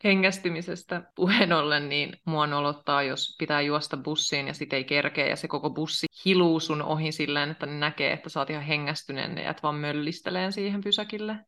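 Young woman, podcast co-host, low voice, casual chat, laughs a lot. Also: few pauses. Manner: lively and chatty, laughs often.

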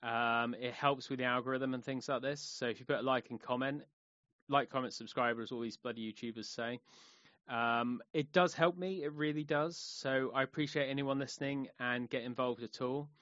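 A man's voice: medium pitch, fairly even intonation, normal speed, fairly bright tone, no echo. A man hosting a solo podcast, rambling along with many fillers and restarts. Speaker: podcast host. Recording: dry, dull lo-fi home recording.

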